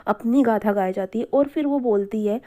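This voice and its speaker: A woman's voice: a little high, moderate pace, warm tone. A woman giving a spoken review of a reality show, opinionated and repeating her points for emphasis.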